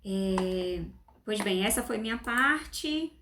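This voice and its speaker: A woman's voice: medium pitch, expressive, slow pace, fairly bright tone, a little hiss or hum. A woman giving a careful, explanatory class presentation. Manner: careful, explanatory, with small restarts. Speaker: student presenter. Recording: echoey room.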